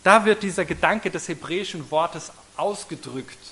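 A man preaching a sermon to a congregation, emphatic, often slowing down on key phrases and drawing listeners in with rhetorical questions. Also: fairly high pitch. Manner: emphatic, varying loudness, slows on key phrases, asks the congregation "oder?".

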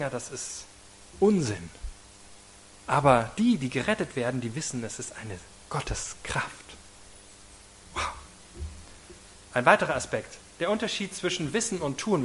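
A man preaching a sermon to a congregation, emphatic, often slowing down on key phrases and drawing listeners in with rhetorical questions. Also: on the high side, animated, slight background noise. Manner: emphatic, varying loudness, slows on key phrases, asks the congregation "oder?".

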